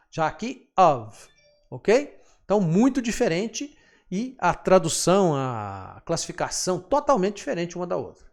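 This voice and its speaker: A man teaching English grammar patiently, checking in often with his students. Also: sits high. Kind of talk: screen-share lesson explanation.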